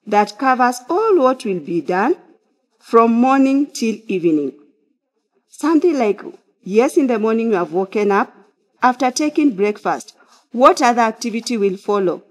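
A middle-aged woman speaks from a church pulpit, explaining parenting advice in a steady, instructive tone. She sounds like a counselor addressing viewers, clear and methodical. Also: on the high side. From Kenya. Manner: measured, instructive, opens with prayer. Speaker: counseling psychologist. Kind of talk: church talk to online viewers. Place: church sanctuary behind a glass pulpit.

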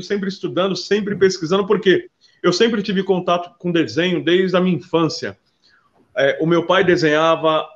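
A man with a somewhat high voice tells his stories in a lively, chatty way, warmly calling the listener "brother" as he goes. The recording sounds dull and lo-fi. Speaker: interview guest, visual artist. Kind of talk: casual interview storytelling.

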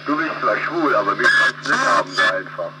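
Man, CB radio, loud static hiss, lowish voice, mocking and scornful. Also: lively intonation, fairly quick. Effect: heard over CB radio. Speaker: CB radio operator. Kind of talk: hostile radio banter.

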